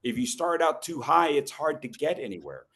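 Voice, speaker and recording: A middle-aged man giving a humorous talk on storytelling to a live group, teasing people in the room and slowing down with pauses for emphasis. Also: on the high side, sing-song, a bit bright, breathy edge. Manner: playful, teasing the audience, quick asides. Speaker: educational speaker at a club meeting.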